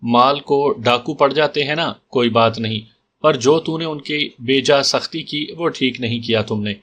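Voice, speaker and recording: A man's voice: medium pitch, natural voice. Man doing a stern ringing-voiced trader on the phone. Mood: cold, coaxing. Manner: soft cold wheedling tone over sternness.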